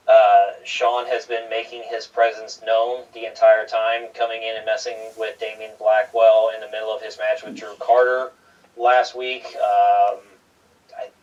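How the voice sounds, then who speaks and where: Distant, lo-fi man talking wrestling, haltingly. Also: fairly low pitch. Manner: halting, repeats himself. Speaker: wrestling show co-host. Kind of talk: casual wrestling talk. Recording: dull lo-fi sound, distant from mic.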